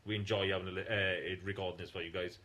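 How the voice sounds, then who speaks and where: A man's voice: sits low, level tone, sharp tone, a little hiss or hum. A man co-hosting a podcast in casual chat, blunt and sweary. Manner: blunt, swears freely, quick bursts of laughter. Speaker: podcast co-host.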